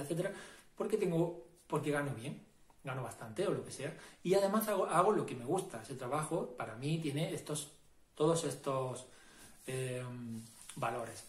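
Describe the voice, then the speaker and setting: Man, a slightly high voice, a self-help guide talking to camera, emphatic and repetitive, recorded in a reverberant room. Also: a little mellow. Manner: emphatic, repetitive, asks "¿no?" and "¿vale?". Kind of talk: casual motivational talk to camera.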